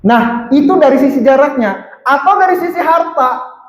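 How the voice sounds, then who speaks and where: A man's voice: extremely high pitch, lively intonation, moderate pace. A male religious teacher giving a conversational mosque lecture, often checking with his listeners. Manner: conversational, keeps checking with the audience. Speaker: ustadz teaching a weekly study circle. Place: mosque hall. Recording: echoey mosque hall.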